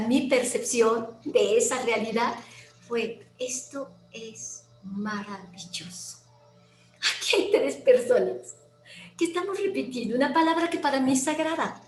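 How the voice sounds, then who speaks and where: A woman with a Mexican accent, a guest telling a personal story in a lively way, acting out quoted voices and sometimes dropping to a near whisper. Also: a little high, measured pace, faint music behind. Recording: roomy with faint background noise.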